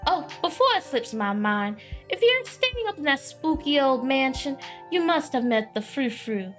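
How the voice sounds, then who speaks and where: Brief: friendly small-town young woman, folksy and wry, pitched a bit high, read by a woman gamer, soft music under. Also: very animated, normal speed. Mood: chatty.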